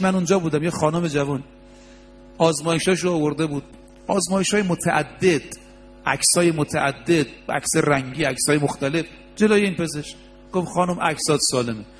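A man preaching a religious sermon, telling stories with quoted dialogue and rising emphasis. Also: high voice.

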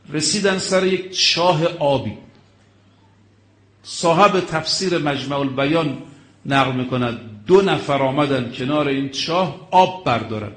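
A man's voice: a little high, fairly bright tone, roomy sound. Emphatic male preacher telling stories. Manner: dramatic storytelling, rising to emphatic exclamations, acting out quoted speech. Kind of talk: religious sermon with storytelling.

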